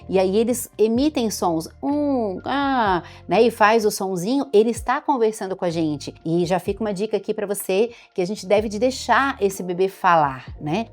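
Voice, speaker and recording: A woman doctor with a Brazilian Portuguese accent, explaining baby development to parents in a chatty, lively way. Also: mid-range voice. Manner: chatty, warm explainer, imitates baby sounds and baby talk. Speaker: doctor giving parenting advice. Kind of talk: explanatory talk to camera.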